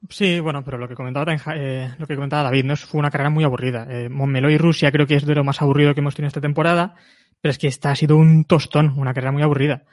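Fast-talking Spanish motorsport commentator. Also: male voice, on the high side, fairly even intonation, no echo, clean studio sound. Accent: Spain Spanish. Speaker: panelist on a motorsport podcast.

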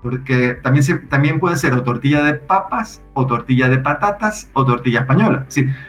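A man casually explaining how his software works, thinking aloud with frequent restarts. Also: medium pitch, fairly quick, roomy sound, faint music behind. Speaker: software developer guest.

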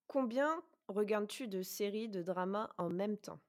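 Animatrice de podcast bavarde, voix moyenne. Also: female voice, medium pitch, normal speed. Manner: chatty, frequent hesitations. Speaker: podcast host. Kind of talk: casual podcast chat and prepared presentation.

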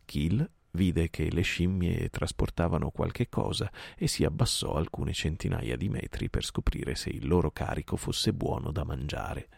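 A man narrating a classic story in a calm, steady night-time reading. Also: low voice, a little slow, creaky, few pauses, slightly rough, no room sound, clean studio sound.

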